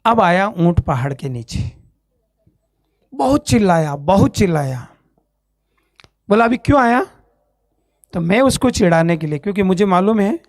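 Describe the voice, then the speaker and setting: Man from Ajmer, India, church testimony speaker, animated storyteller who acts out the dialogue, dry sound. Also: high-pitched, no room sound. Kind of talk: spoken testimony on stage. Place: church stage.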